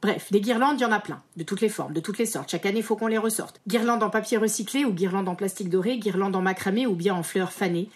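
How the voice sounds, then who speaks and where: A woman's voice: mid-range voice, quick pace, few pauses. A woman hosting a podcast for children and parents, reading a playful scripted list with tongue-in-cheek asides. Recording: music bed behind.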